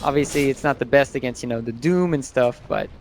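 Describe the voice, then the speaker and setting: A man's voice: mid-range voice, fairly quick, a little mellow, faint music behind. A man giving live analysis as a co-commentator on a video game match, conversational and thinking aloud as he restates his points.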